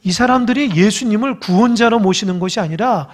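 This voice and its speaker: A man preaching a Sunday sermon as pastor, peppering it with rhetorical questions and swinging between loud and soft. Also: high voice, a little fast. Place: church.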